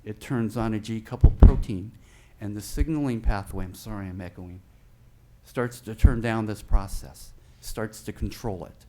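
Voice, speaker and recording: A man's voice: fairly low pitch, unhurried, warm tone, a little hiss or hum. A man giving a teaching lecture in a large hall, his voice echoing around the room. He explains step by step and keeps checking in with "okay?". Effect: echo of a big hall on his voice. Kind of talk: teaching lecture on brain science.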